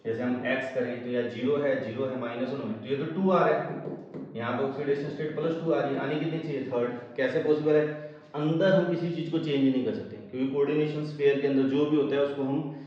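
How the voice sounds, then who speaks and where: A man's voice: medium pitch, fairly even intonation, quick pace. Male teacher, classroom lecture, quizzes students, very echoey, muffled distant sound. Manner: asks the class questions and answers them himself. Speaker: chemistry teacher. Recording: echoey room, distant mic, dull sound.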